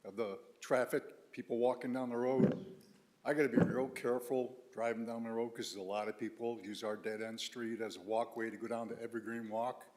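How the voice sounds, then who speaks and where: A man's voice: medium pitch, little pitch movement, a little fast, darkish tone. A man giving a blunt, casual public comment at a town meeting. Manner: plain-spoken, casual, blunt. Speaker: resident speaking at public comment.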